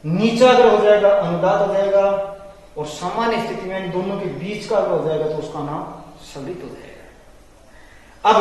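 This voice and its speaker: A man teaching Hindi grammar in a classroom-style lecture, explaining patiently and repeating terms slowly for his students. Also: high-pitched, darkish tone. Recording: echoey room from far off.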